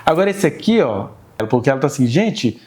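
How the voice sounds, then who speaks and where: At a church gathering, a man lectures in a chatty, explanatory sermon style and keeps asking the group tag questions to check in. He talks quickly and animatedly in a darkish voice that sits on the high side.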